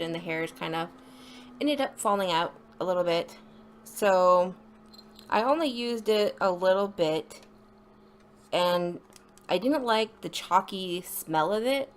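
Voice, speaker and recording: A woman with a slight lisp giving a casual, rambling voice-over for an art video, with informal apologetic asides. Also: lowish voice.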